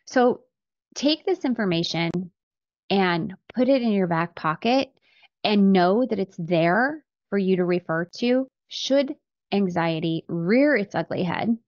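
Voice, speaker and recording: A woman whose voice sits on the low side hosts a faith podcast from a small home office full of bookshelves. Middle-aged and earnest, she teaches scripture into a close studio mic mounted on a boom arm, and the recording sounds dry and lo-fi.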